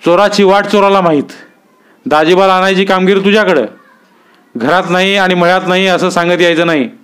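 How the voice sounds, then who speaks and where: A narrator puts on a stern village headman, a middle-aged man barking curt commands in a raised, higher pitch. The voice stays smooth and clear throughout this storybook reading. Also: normal speed, close to an everyday voice. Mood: commanding. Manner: authoritative, issues curt orders.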